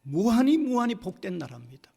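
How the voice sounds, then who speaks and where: High-voiced man preaching in a reverberant church. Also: very animated, fairly quick, gravelly, dark tone, husky. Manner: emphatic preaching, repeating key phrases. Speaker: pastor. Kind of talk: sermon. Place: university church sanctuary.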